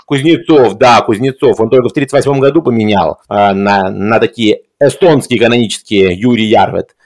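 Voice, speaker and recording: A man's voice: fairly low pitch, normal speed, a little mellow. A man discussing film in a reflective conversational way, hesitant, with erudite and formal wording.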